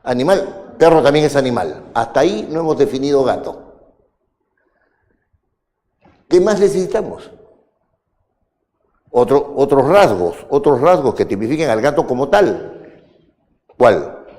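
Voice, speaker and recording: Lively man lecturing a class. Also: medium pitch, a little slow, long pauses, long reverb tail. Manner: questioning, checks understanding with "¿no es cierto?". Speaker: law school instructor.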